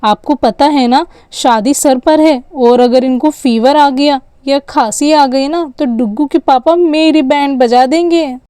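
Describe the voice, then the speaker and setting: A woman's voice: sits high, measured pace, few pauses, mellow, no echo, clean studio sound. A woman voicing a worried, busy young mother in a doll story. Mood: fretful. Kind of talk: storytelling with dolls.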